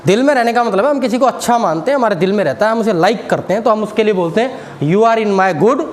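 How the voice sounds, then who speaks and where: A man teaching spoken English phrases to a class, joking with students and slowly reading each phrase aloud. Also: high-pitched. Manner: jokey, tells funny classroom anecdotes, slows down to read phrases. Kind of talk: classroom lesson.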